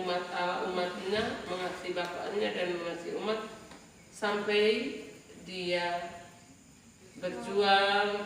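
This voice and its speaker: A woman teacher lecturing patiently, stretching her words and tucking in little "ya" asides. Her voice sits far from the mic in a room with a long, roomy echo, and steady background noise is plain underneath. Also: mid-range voice. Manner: explains slowly with repeated "ya" asides, drawn-out words. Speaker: religion teacher. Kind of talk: classroom lecture. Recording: echoey room from far off, noisy.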